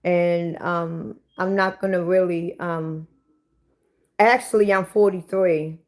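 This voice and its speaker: A woman in her forties, hosting a casual livestream, speaks slowly in a fairly low voice with fairly even intonation. She talks back to her commenters bluntly, using profanity as she chats with viewers.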